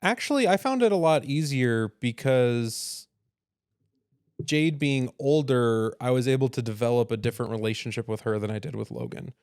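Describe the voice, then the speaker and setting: A man in his thirties chats easily as a podcast guest, dropping dry jokes. His voice has a gravelly fry to it, recorded close and dry with no room sound. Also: medium pitch, moderate pace, a little mellow, no room sound. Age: 30s. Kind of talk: casual podcast chat.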